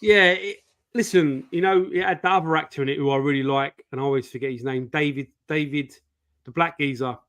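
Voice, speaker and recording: A man's voice: fairly high pitch, steady tone, fairly quick, a bit bright. A man in casual chat on a comics stream, swearing and saying "listen" and "mate".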